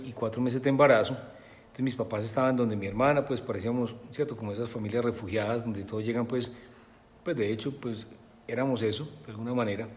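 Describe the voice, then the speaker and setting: A man's voice: mid-range voice, darkish tone. Rambling man in an echoey room. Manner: rambling, with many filler words. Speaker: guest. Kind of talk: conversational storytelling.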